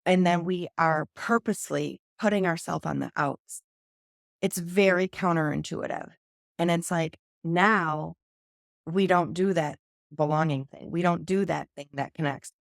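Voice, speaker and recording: A woman with a lowish, gravelly voice speaks earnestly and openly in long flowing runs. She is a podcast guest telling her own story in a close, dry sound. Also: a little slow, dry recording. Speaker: podcast guest, sober coach. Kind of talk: candid personal storytelling in a podcast conversation.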